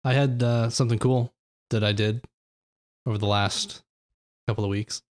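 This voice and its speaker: A man's voice: medium pitch, fairly even intonation, normal speed. A man hosting a podcast in casual chat, laid-back and self-mocking. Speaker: podcast host.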